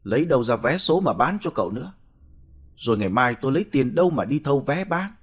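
A male storyteller voicing an elderly blind lottery seller, hoarse and aggrieved, pleading and crying out for help. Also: mid-range voice, sing-song, quick pace. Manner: pleading then screaming for help.

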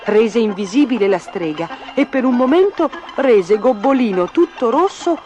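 A woman reading a fairy tale aloud as a storyteller, with a gentle, lively telling. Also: fairly high pitch, normal speed, soft background music. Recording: noisy background.

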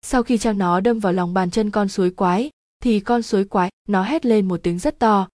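Woman storyteller, casual slangy horror narration, warm dark tone, dry close sound. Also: mid-range voice, moderate pace, no echo. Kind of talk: reading a first-person horror story aloud.

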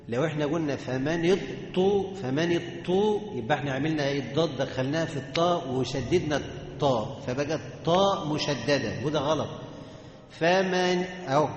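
A man with an Egyptian Arabic accent teaching Quran recitation, chanting sounds slowly and then explaining them quickly. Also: on the high side. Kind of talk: tajweed lesson to students. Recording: echoey hall reverb.

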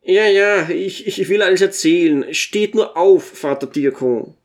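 A man's voice: sits high, measured pace, pitched above the performer's own voice. A man reading aloud and voicing a bashful old dwarf servant who speaks humbly and timidly. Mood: eager. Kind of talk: audiobook character voice.

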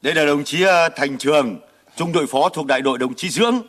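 An actor playing a cheerful militia officer introducing comrades in a radio drama. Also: male voice, on the high side, fairly quick, a bit bright.

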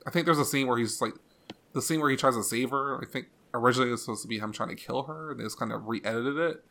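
A man's voice: mid-range voice, fast, gravelly, pushed and bright. A man co-hosting a podcast in casual chat, rambling with lots of restarts and filler. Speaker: podcast co-host.

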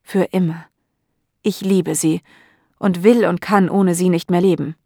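A woman's voice: on the low side, steady tone, measured pace, creaky, dark tone, no room sound, studio quality. A woman reading out the letter of an obsessive, possessive male admirer.

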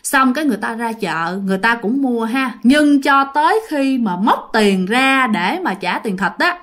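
A woman's voice: on the high side, lively intonation, normal speed, a bit bright. A woman telling a ghost story in a chatty way, speaking straight to her listeners. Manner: chatty, addresses listeners directly.

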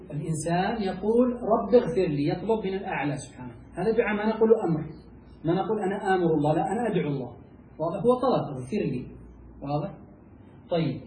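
A man teaching a lesson, who repeats phrases and keeps asking his students whether it is clear. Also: high voice, a little mellow. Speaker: teacher of Islamic logic. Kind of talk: classroom lecture explaining a text. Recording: echoey room, mic at a distance, faint hiss.

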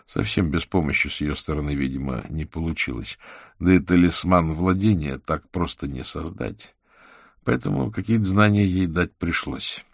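A man narrating a story, voicing a calm and weary adult male sorcerer who speaks in a measured, reassuring way. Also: deep voice, creaky, slightly rough, no room sound, clean studio sound, heavily acted. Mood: serious.

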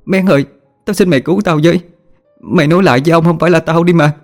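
A man's voice: a little high, rapid-fire, faint music behind, pitched above the performer's own voice, lightly acted. A man voicing a frightened young female servant who begs and stammers in a storytelling reading. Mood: pleading desperate. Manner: tearful begging, stammering.

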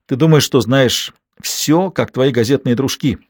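A man voicing a furious, betrayed middle-aged husband who shouts bitter accusations. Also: medium pitch, unhurried, slightly rough, dry recording, studio quality. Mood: contemptuous.

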